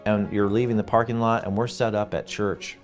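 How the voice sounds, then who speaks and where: A man with a low voice tells animated stories in a relaxed interview, laughing often and restarting his sentences. He sounds middle-aged, and faint music plays underneath. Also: fairly quick. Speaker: funeral home co-owner, guest. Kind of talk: casual interview storytelling.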